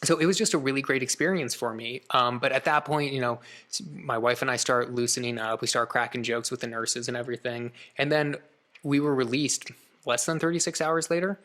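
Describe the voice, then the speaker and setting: A man in his thirties, a podcast co-host, telling a personal story in a lively, casual way with quick asides. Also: medium pitch.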